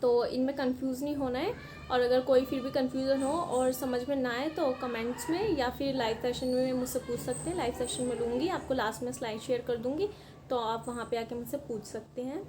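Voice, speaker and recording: A woman's voice: high voice, fairly even intonation, brisk, background noise. A woman teaching pronunciation rules in a patient lesson, often checking in with "okay". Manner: patient, repeats "ठीक है" often. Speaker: language teacher.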